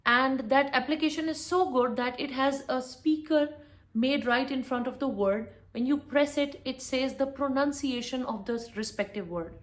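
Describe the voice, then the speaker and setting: A woman giving a spoken English lesson, firm and instructive, repeating her key points. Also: a little high. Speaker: English teacher.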